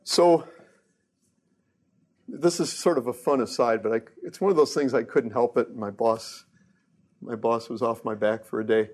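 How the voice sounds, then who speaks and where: A man's voice: mid-range voice, darkish tone. A middle-aged man, a research engineer, giving a casual technical lecture with joking asides and frequent restarts.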